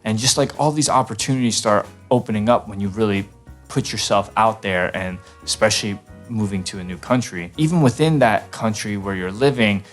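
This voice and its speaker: A young man from New York talking casually to camera in a relaxed, chatty way, with fillers and restarts. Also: on the low side, a little fast, faint music behind. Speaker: vlogger.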